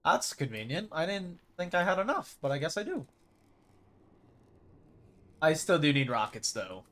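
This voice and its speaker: Rambling streamer with a lively voice. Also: medium pitch, normal speed. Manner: rambling, thinks aloud while playing. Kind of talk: casual live gameplay chat.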